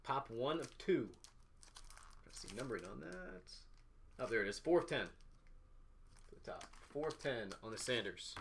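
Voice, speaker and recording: A man's voice: mid-range voice, animated, normal speed, creaky, pauses often, a little hiss or hum. A man in his thirties hosting an unboxing, announcing each item in short, clipped phrases. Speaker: host of a sports card box-break show. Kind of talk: unboxing commentary, calling out items. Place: small office, indoors.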